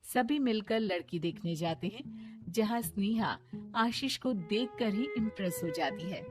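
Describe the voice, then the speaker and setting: A woman's voice: medium pitch, expressive, measured pace, over music. A woman narrating a scripted cartoon story in a storytelling style.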